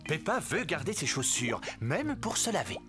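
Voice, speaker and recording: A man playing the storybook narrator of a French preschool cartoon, with simple, clearly phrased storytelling. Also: a little high, sing-song, moderate pace, loud music behind the voice. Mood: gentle storytelling.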